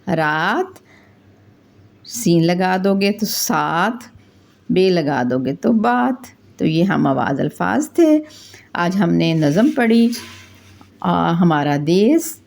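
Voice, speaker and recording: A woman's voice: on the low side, animated, vocal fry, pauses often, a little mellow. A woman teaching young children, patiently asking questions and answering them step by step. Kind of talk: classroom lesson for young children.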